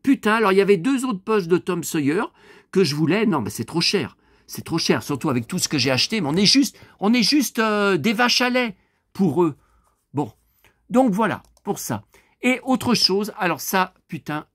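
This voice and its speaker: A middle-aged man talking to camera in a loose, rambling vlog, blunt and quick to swear, with lots of fillers and restarts. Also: high voice, big pitch swings, a bit bright, no room sound, clean studio sound. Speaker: vlogger. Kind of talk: casual rambling vlog monologue.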